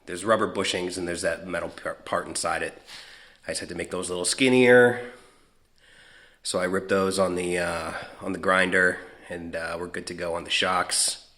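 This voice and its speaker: A man giving a casual, halting update on his garage project, searching for words with lots of fillers, a little out of breath. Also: low voice, steady tone, pushed and bright. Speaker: hobby builder vlogging a mini bike project. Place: hot home garage.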